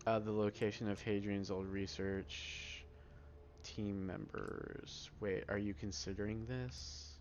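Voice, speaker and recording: A man giving casual, rambling playthrough commentary on a video game, with informal, halting asides as he plays. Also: lowish voice, little pitch movement, a little mellow. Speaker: gamer playing and commenting. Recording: dull microphone, faint background noise.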